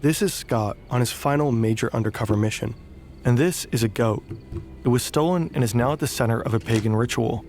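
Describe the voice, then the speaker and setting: A man's voice: medium pitch, a little mellow. Man narrating a dramatic documentary. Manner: dramatic, measured delivery.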